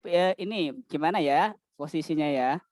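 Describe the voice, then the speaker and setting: A man's voice: fairly high pitch, moderate pace, a little mellow, dry recording. A male school teacher giving friendly instructions to a class of children. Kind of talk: addressing a class.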